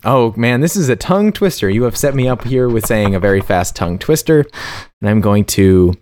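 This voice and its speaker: A man's voice: medium pitch, animated, a little fast, darkish tone, slight background noise. A man co-hosting a casual comedy podcast, playful and mock-serious, reading food news and stumbling over tongue twisters. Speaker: podcast co-host.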